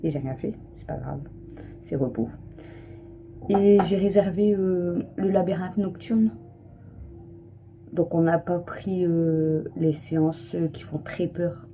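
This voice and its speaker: A woman's voice: on the low side, slow pace, long pauses, warm tone, a little hiss or hum. A woman in her thirties, a family vlogger chatting casually to camera at home, rambling with lots of fillers. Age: 30s. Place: at home, just out of the shower.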